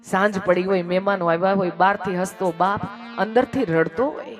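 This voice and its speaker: A man's voice: sits high, fairly even intonation, normal speed. A man preaches a devotional story with strong feeling, letting his voice swell and then sink almost to a whisper. He strings phrases into rhythmic, repeating lists, and faint music plays behind him. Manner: emotional, swells loud then drops to near whisper. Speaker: katha storyteller.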